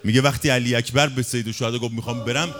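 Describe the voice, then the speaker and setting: A man's voice: medium pitch, steady tone, fairly bright tone. A man reciting a mourning sermon as a religious eulogist, in an impassioned, half-chanted lament, with music underneath.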